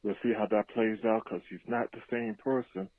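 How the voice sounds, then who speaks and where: Man, voicemail message, phone-line sound, low voice, dry. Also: steady tone, normal speed, no room sound. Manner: laid-back, hyped reactions. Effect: played voicemail over phone line. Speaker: listener leaving a voicemail. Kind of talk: casual spoken voicemail.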